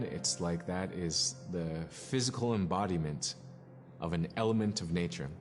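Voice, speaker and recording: A man with a low voice tells his story in a documentary interview, picking his words thoughtfully with short pauses. His voice carries a long reverb, and music plays behind him.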